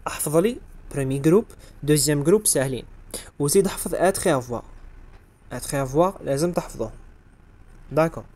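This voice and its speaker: A man's voice: a little high, animated, fast, pauses often, darkish tone. A man with an Algerian Arabic accent explaining French grammar as an exam revision lesson, spelling out verb endings letter by letter. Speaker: French teacher.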